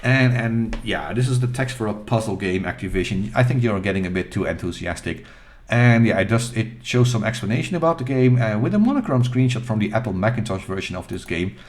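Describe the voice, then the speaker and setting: A middle-aged man hosting a retro gaming channel, talking over gameplay in a casual, halting and self-deprecating way with fillers and restarts. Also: on the low side, lively intonation.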